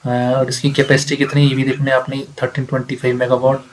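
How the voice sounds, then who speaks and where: A man's voice: mid-range voice, completely flat delivery, fast, slight background noise, low-quality recording. A man teaching exam facts in a lecture, asking himself questions and answering them, repeating key points. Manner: repeats facts, asks and answers himself, mixes English readings. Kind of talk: explanatory lecture.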